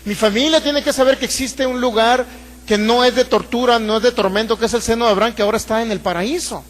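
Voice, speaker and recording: A man's voice: very high-pitched, steady tone, fast talker, a little hiss or hum. A man with a Mexican accent voicing a tormented rich man who pleads urgently from hell, within a sermon. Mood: pleading. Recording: long hall reverb.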